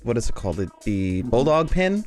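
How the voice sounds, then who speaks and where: A man playing a tabletop game, casually narrating his character's actions in a giggly, animated way. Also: medium pitch, brisk, faint music behind.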